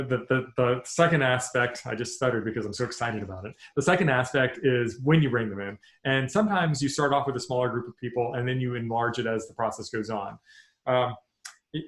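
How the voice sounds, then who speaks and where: Chatty man on an echoey webinar call. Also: mid-range voice. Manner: enthusiastic, many ums and restarts. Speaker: M&A advisor panelist. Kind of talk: webinar panel answer.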